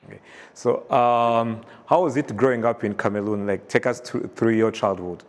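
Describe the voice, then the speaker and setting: A man's voice: medium pitch, fairly even intonation, normal speed. A man hosting a TV entertainment show, asking informal questions with frequent hesitant fillers. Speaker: TV show host interviewing a guest. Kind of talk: casual interview questions.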